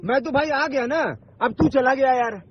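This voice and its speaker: At a normal speed and very high pitch, a man argues heatedly over the phone, insisting, confronting, cursing, and repeating his points. He makes online videos, and the recorded call sounds dull and lo-fi.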